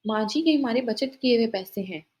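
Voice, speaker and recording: Woman doing a meek, gentle young wife. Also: fairly high pitch, lively intonation, normal speed, lightly acted. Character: gentle patient young daughter-in-law, forgiving.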